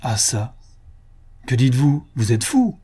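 Stern old court judge, a reader putting him on, dark voice, firm and questioning. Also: male voice, mid-range voice, normal speed, lightly acted. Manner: indignant questioning. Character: stern older male court president.

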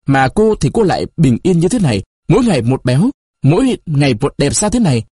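A man voicing a jealous young lover who speaks harshly, word by word, through gritted teeth, with a husky voice. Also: a little high, sing-song, brisk, mellow, dry recording, studio quality, pitched above the performer's own voice. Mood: furious.

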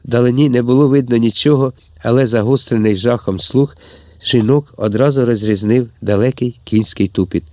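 A man reading a story aloud in steady, tense scripted narration, with a mid-pitched voice. The sound is very dry and close, with no room in it. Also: moderate pace, no room sound. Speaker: audiobook narrator.

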